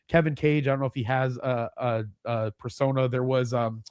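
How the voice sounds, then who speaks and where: A man's voice: medium pitch, steady tone, moderate pace, a little mellow, clean tone, no room sound, clean studio sound. A man hosting a podcast in a casual interview chat, rambling a little, laughing often and trailing off mid-thought. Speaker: podcast host.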